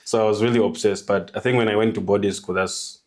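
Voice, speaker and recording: A man's voice: lowish voice, fairly even intonation, quick pace. A man hosting a podcast who talks in a laid-back way, often laughing and filling his questions with "like". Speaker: podcast host. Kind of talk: casual podcast interview.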